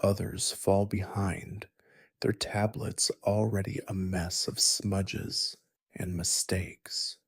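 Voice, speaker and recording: A man narrating a sleep story in a soft, gentle whispered role-play, close to the mic. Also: low voice, level tone, slow pace, slightly rough, no room sound.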